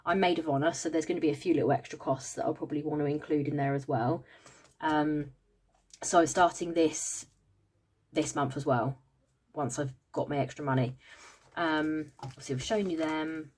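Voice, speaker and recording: A woman's voice: sits low, steady tone, normal speed, darkish tone, slightly rough. A British woman in a casual budgeting vlog, tired and yawning, counting money aloud with many "um" fillers. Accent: British English. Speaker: budgeting vlogger. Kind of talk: casual cash-stuffing vlog chat.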